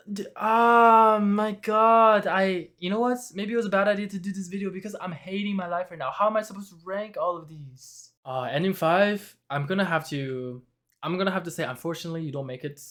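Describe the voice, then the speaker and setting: A man reacting to anime speaks excitably to his viewers in a high-sitting voice gone hoarse from screaming.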